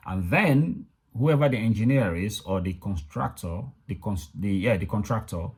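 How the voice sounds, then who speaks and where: Deep, husky man. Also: expressive, moderate pace, darkish tone. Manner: conversational, emphatic, repeats words for stress. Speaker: video channel host. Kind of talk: casual news update to viewers. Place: indoors in a room in London.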